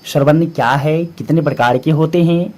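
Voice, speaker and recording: High-voiced man explaining grammar patiently. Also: moderate pace, darkish tone. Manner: repetitive, patient explaining with rhetorical questions. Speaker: teacher.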